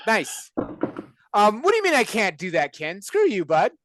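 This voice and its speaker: A man's voice: sits high, wildly swooping pitch, normal speed, a bit bright, no echo. A man hosting a casual chat on a video call, joking and rambling. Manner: joking, rambling, self-mocking. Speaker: show creator and host of the call.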